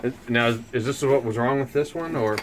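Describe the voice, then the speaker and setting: A man casually interviewing someone as he records, asking halting, prompting questions. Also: poor audio. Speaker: interviewer recording his father. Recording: loud mechanical rumble over voice.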